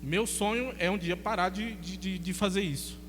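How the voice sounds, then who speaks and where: A Brazilian man preaching as a pastor, telling a personal story in a chatty, animated way and acting out the dialogue. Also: high-pitched, moderate pace, long reverb tail, background noise. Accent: Brazilian Portuguese. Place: church.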